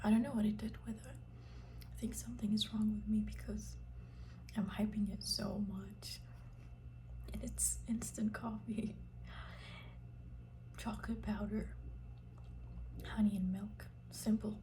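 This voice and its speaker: A young woman whispers right up against the ear in a soft, dark-toned ASMR style. Her chat is informal and rambling, breathy and intimate. A light ambient noise sits behind the voice. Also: medium pitch, level tone, unhurried, long pauses, low-quality recording. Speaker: ASMR content creator.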